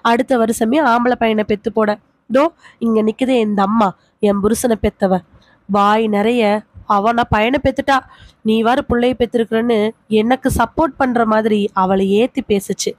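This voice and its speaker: A woman's voice: on the high side, darkish tone, dry recording, close to an everyday voice. A woman voicing a bitter young village wife, accusing her in-laws in a storybook reading. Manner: accusing, reproachful, rapid questioning. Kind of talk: audiobook character reading.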